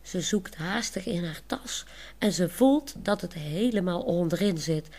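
A woman calmly narrating a children's audiobook chapter. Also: fairly low pitch, a little slow.

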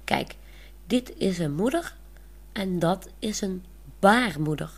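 A woman's voice: mid-range voice, animated, slow pace. A woman voicing a proud, self-assured, talkative young woman who explains things matter-of-factly, in a storybook reading.

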